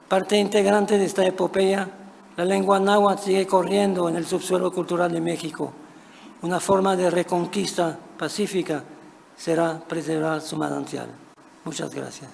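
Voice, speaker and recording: A man reading a prepared academic paper at a conference, measured and careful, now and then correcting a word. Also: sits high, gravelly, darkish tone. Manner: measured, careful delivery with occasional self-corrections. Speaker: conference speaker. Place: large conference hall. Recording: reverberant conference hall, faint noise.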